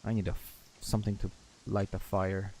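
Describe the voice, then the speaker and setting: A man's voice: lowish voice, completely flat delivery, moderate pace, a little mellow, a little hiss or hum. A man from Poland chatting casually with viewers while streaming a game, laughing often and trailing off mid-thought. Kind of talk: casual chat while gaming.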